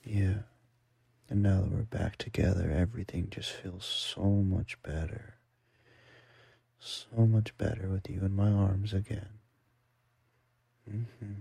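A man murmurs in a breathy half-whisper, gentle and affectionate, as if lulling someone to sleep. His low voice is gravelly and husky, and he drawls each word very slowly on an almost flat pitch. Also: dry recording. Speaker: boyfriend roleplay ASMR performer. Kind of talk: ASMR roleplay, soft and soothing.

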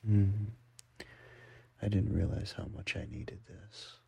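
A man murmurs in a breathy half-whisper, gentle and affectionate, as if lulling someone to sleep. His low voice is gravelly and husky, and he drawls each word very slowly on an almost flat pitch. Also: dry recording. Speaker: boyfriend roleplay ASMR performer. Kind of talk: ASMR roleplay, soft and soothing.

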